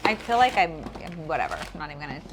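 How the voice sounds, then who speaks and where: A woman's voice: low-pitched, big pitch swings, fast, background noise. A woman bantering with her partner while he cooks, teasing and skeptical, laughing often. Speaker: co-host, partner. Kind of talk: casual cooking banter. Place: home kitchen.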